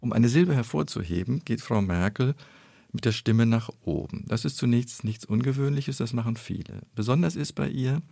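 A man explaining speech research in an interview, in a measured, analytical way. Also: mid-range voice, vocal fry, warm tone, dry recording.

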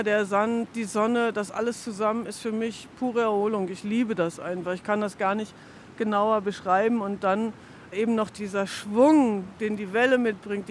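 A woman's voice: mid-range voice, a little hiss or hum. An older woman being interviewed about surfing, telling stories with eager enthusiasm. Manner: enthusiastic, animated storyteller. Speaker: interviewee, late-starting surfer. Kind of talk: casual storytelling interview.

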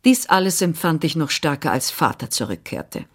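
A woman reads a literary memoir aloud in the first person. Her voice is low, and she takes a measured, expressive pace through the text. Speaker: audiobook reader.

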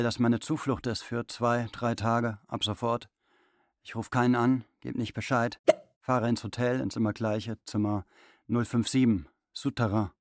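An actor playing a company chairman in a literary radio play, speaking in a restrained, measured way. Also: medium pitch, no echo, clean studio sound, close to an everyday voice. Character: driven male company chairman hiding breakdowns.

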